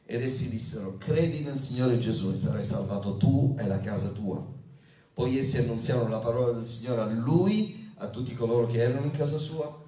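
A man's voice: medium pitch, dark tone. A male pastor delivering a sermon, reading scripture aloud, getting the congregation to repeat lines, and making joking asides. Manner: call-and-response preaching, asks congregation to repeat lines. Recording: echoey hall, mic at a distance.

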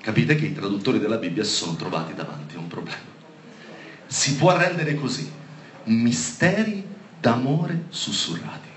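Animated preaching man in an echoey room. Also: on the low side, fast. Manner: animated, emphatic, stresses key words. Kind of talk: sermon with Bible reading. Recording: echoey room with faint background noise.

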